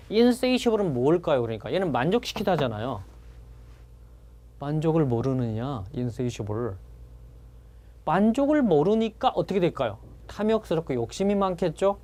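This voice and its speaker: Lively Korean man teaching vocabulary. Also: a little high, normal speed. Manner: asks students questions, repeats key words. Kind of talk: exam-prep vocabulary lecture.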